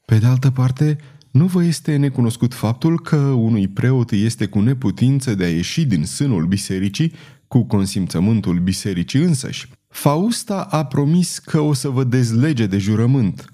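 Icy scheming churchman, as a man puts him on, urgent and pressing, darkish mellow tone. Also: medium pitch, lively intonation, natural voice. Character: scheming older male churchman, cold and insistent.

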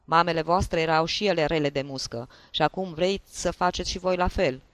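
Brief: man playing a blustering, tipsy jealous husband, raised and loud, dry close sound. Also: a little high, clear, resonant tone, no room sound, lightly acted. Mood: furious. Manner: shouting, scolding. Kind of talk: audiobook character voice.

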